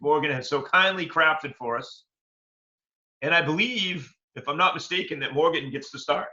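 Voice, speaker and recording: A man co-hosting a casual chat show, his bright, sharp voice sitting a touch high. He rambles with stammered restarts, and the sound is dull and lo-fi. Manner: rambling, halting with repeated restarts. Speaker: co-host.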